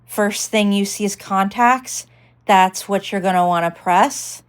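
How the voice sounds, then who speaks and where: A woman's voice: medium pitch, unhurried, smooth. A woman vlogger giving a casual tech demonstration, rambling with lots of fillers.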